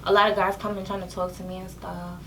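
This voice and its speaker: A young woman with a lowish voice talks quickly as a podcast guest, spinning animated stories packed with slang and laughter. Crowd noise sits in the background, and the distant mic picks up faint room noise.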